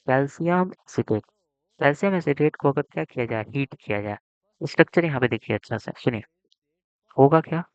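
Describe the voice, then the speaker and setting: A man's voice: mid-range voice, a little mellow, smooth, dry recording. A man teaching a chemistry exam lesson. He asks his students questions, repeats them and supplies the answers himself. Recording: dry, dull lo-fi sound.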